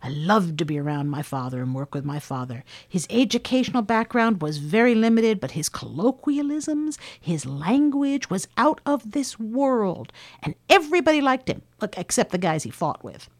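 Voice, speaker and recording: A woman reading aloud someone's first-person recollections in a lively storytelling manner. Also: mid-range voice, moderate pace, hardly any pauses. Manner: lively storytelling with shifts in loudness. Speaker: reader of recorded recollections.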